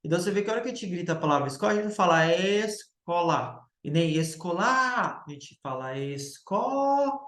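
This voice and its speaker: A male teacher giving a recorded grammar lecture, explaining step by step and checking in with the class through quick tag questions. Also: on the high side, expressive, a bit bright, roomy sound.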